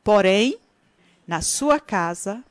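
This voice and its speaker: A woman preacher delivering a fervent sermon to a group of women, moving into prayer and speaking in tongues, drawing out key words slowly and then rushing ahead. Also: medium pitch, animated, dry recording. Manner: addresses listeners as sisters.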